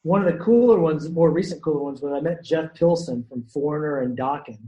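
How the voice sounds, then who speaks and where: Casual podcast guest, man from Louisiana, animated with many restarts, echoey room sound. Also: fairly high pitch, a little fast, lo-fi sound. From Shreveport area, Louisiana. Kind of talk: casual storytelling chat. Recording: roomy echo.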